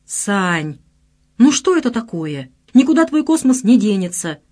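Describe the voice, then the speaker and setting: A woman voicing a fussing, doting middle-aged mother in an audiobook, scolding with lively pitch swings. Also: measured pace. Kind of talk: audiobook character reading.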